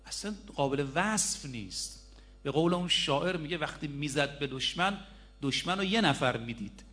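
A man's voice: fairly high pitch, a bit bright. A middle-aged man preaching a sermon, telling a story and speaking straight to his listeners. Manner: storytelling, addresses listeners directly.

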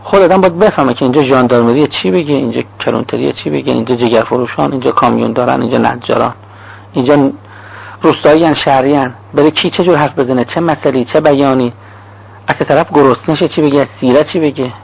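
A man's voice: medium pitch, vocal fry, breathy edge. A man giving a sermon-style lecture as a cleric, listing examples in short rhythmic phrases. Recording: dull lo-fi recording.

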